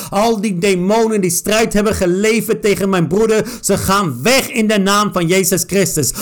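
A man with a high-pitched voice leads a fervent prayer as a pastor. He repeats his declarations insistently, verse by verse. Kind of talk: fervent spoken prayer with scripture reading.

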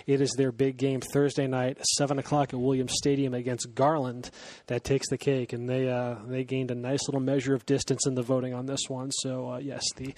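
Guy hosting a sports podcast, medium pitch, relaxed chatty talk out in a hallway. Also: fairly quick, no echo. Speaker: podcast host. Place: newsroom hallway.

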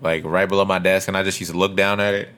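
A man's voice: deep voice, level tone, fast talker, a bit bright, clear, resonant tone. A young man telling school stories in casual slangy chat, acting out what others said. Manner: laid-back slangy storytelling, acts out quotes.

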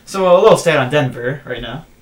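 A man co-hosting a casual sports podcast, giving his picks and stats in a measured, analytical way. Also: a little high, animated. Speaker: podcast co-host.

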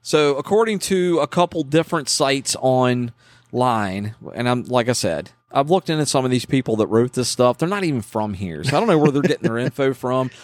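A man hosting a casual chat, animated and opinionated, quick to scoff at claims he thinks are wrong. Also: medium pitch, dry recording. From West Virginia. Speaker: podcast host.

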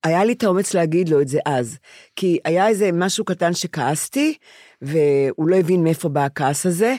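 A woman's voice: lowish voice, animated, dark tone, no room sound, studio quality. Older woman telling stories emphatically. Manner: emphatic, repetitive storytelling. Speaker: podcast co-host. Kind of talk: casual chat.

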